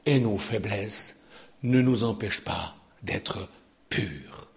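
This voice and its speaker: Delivering his sermon slowly, an older preacher swings between hushed asides and shouted climaxes. His tone is sarcastic and animated throughout.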